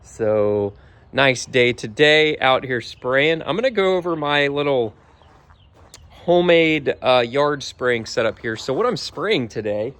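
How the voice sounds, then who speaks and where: Relaxed middle-aged man explaining his yard setup. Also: medium pitch, unhurried. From Georgia, US. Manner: relaxed, rambling with many ums. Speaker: home DIY vlogger. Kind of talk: casual how-to walkthrough. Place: outdoors in a yard.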